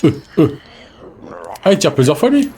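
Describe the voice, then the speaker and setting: A man's voice: on the high side, very animated, moderate pace, noisy background. A man streaming a horror game live, chatting casually with slang and talking to himself and his viewers as he plays. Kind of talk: live let's-play commentary.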